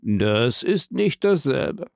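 A man reading an audiobook and voicing a calm, phlegmatic bandit chief who answers in an unhurried, dry, mockingly courteous way. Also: mid-range voice, gravelly, no room sound, full character voice.

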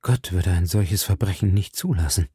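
A man voicing a stern, brooding older musketeer in a low, heavy, hushed voice. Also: normal speed, husky, no echo, clean studio sound. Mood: horrified.

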